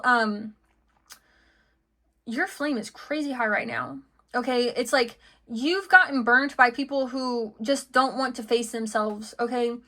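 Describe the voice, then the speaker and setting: A woman's voice: a little high, sharp tone. A woman giving an intuitive tarot reading to her viewers, chatty and full of "okay" and "like" fillers. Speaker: tarot card reader.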